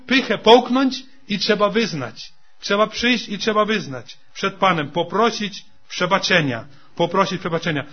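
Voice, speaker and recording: A man's voice: high-pitched, lo-fi sound. A man preaching a sermon to his congregation, repeating his points with emphatic calls and addressing them as brothers and sisters.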